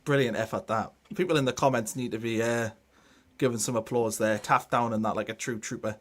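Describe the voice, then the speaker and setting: A man's voice: medium pitch, fairly even intonation, a little fast, background noise. A man hosting a football watchalong, chatting casually about the match, teasing and cheering.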